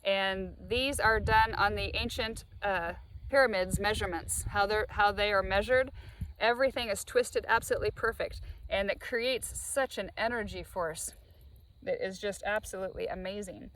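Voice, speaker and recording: A woman of middle pitch talks in a loose, meandering show-and-tell way, her mouth noticeably dry. She slows down whenever she names an object. A faint hiss sits under the recording. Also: a bit bright, rough recording. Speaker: spiritual vlogger.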